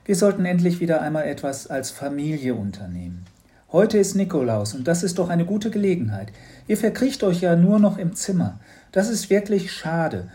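A man voicing a warm, caring mother who speaks gently and coaxingly in a children's audiobook. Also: a little high, very animated, moderate pace, pitched above the performer's own voice. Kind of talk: audiobook reading.

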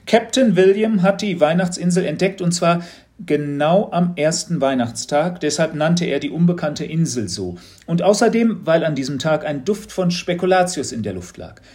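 Audiobook role: male narrator doing a knowing, insinuating teacher, higher and louder than his narration. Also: expressive, moderate pace, lightly acted. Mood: probing. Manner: insinuating, leading questions. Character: mysterious probing male teacher, knowing and sly. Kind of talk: audiobook storytelling.

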